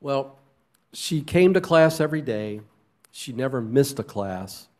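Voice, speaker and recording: A middle-aged man, a schoolteacher, giving a halting, heartfelt personal testimony at a church service. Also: medium pitch, animated, darkish tone. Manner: halting and heartfelt, with fillers and restarts. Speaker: teacher sharing a testimony. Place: church sanctuary.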